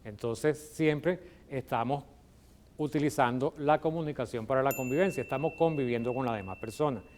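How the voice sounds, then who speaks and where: A man's voice: mid-range voice, normal speed, a little mellow, a little hiss or hum. A man with a Venezuelan accent, teaching a televised classroom lesson from a studio with an electronic whiteboard. He explains step by step and often checks in with "ok?".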